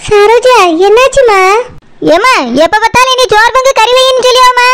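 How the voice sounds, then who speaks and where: A woman doing a gentle worried village mother. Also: very high-pitched, steady tone, a little fast, very noisy. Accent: Tirunelveli Tamil. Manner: gentle and pleading.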